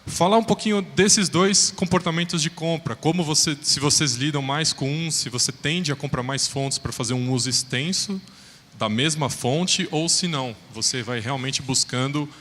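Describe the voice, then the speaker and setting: A man's voice: fairly high pitch, moderate pace, a bit bright. A man with a Brazilian accent moderating a panel, informally putting a question to the speakers. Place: round table in a reverberant hall. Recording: echoey hall, faint ambient noise.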